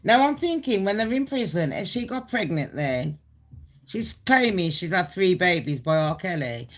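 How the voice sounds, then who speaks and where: A woman's voice: on the low side, big pitch swings, normal speed. A woman hosting a live celebrity gossip stream, casual, blunt and sweary, talking straight to her viewers. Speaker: gossip channel host.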